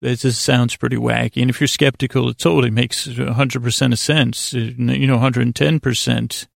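On his bedtime sleep podcast, a man speaks in a creaky, gravelly voice of middling pitch and level tone. He rambles informally, halting and retracing his steps self-deprecatingly, and the very dry recording conveys nothing of the room.

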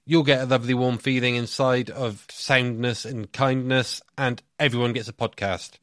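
A man's voice: medium pitch, steady tone, normal speed, fairly bright tone, dry recording, clean studio sound. A man hosting a casual podcast interview, chatty and joking, appealing to listeners and asking questions. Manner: chatty, conversational, self-deprecating jokes. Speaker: podcast host.

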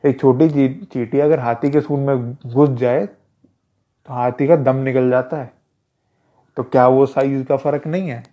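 A man's voice: medium pitch, fairly even intonation, unhurried. A man talking casually about self-defense as an instructor, repeating himself and calling the listener brother. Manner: conversational, repetitive, addresses listener as brother. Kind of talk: casual advice talk. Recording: dull lo-fi recording.

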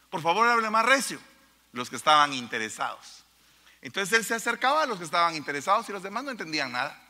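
A man preaches a sermon in a church hall, his voice high and very bright. He speaks emphatically, turning straight to his listeners. Long reverb trails each phrase. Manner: emphatic, addresses the congregation directly.

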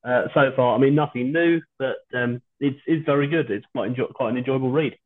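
Over a tinny, phone-like online stream, a British podcast host chats casually and a little fast. He's at home on a video call, missing his usual microphone.

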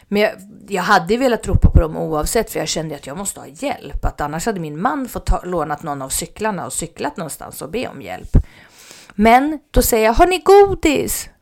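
Woman telling a lively personal story. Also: lowish voice, creaky, few pauses. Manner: animated, acts out quoted speech, drops to near-whispers. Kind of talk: casual spoken anecdote.

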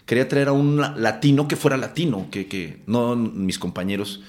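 Animated Mexican Spanish man. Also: medium pitch, normal speed. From Mexico City. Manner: animated, acts out quotes, swears casually. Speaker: actor guest. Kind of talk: casual storytelling interview.

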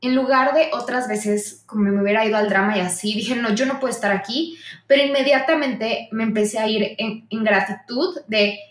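Woman, Mexican accent, podcast guest, lively storyteller, higher voice, roomy echo. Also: moderate pace. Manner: animated storyteller acting out her own dialogue. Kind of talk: casual podcast conversation.

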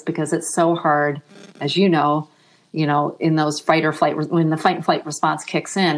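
Middle-aged woman guest, deep-set low voice, gentle and reflective, emotion close to the surface. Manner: soft-spoken, reflective, emotional. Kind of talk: reflective interview conversation.

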